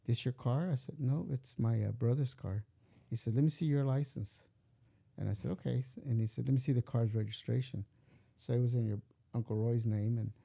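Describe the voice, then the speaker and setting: A man's voice: medium pitch, creaky, dark tone. An older man telling a long personal story in a casual interview, rambling and acting out the voices in it. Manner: rambling, acts out quoted dialogue. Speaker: father being interviewed.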